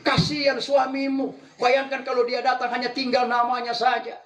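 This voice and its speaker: A man delivers a humorous sermon and teases the women listening. His voice sits very high for a man. He is recorded from a distance in an echoey hall. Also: monotone, moderate pace, a bit bright, slight background noise. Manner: joking, teasing the women in the audience. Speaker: preacher. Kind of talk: humorous sermon to a live audience.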